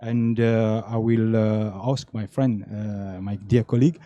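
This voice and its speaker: A man's voice: fairly low pitch, level tone, unhurried, mellow, muffled recording. A man with a Mauritian accent hosting a panel debate, speaking hesitantly with many fillers. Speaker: debate host.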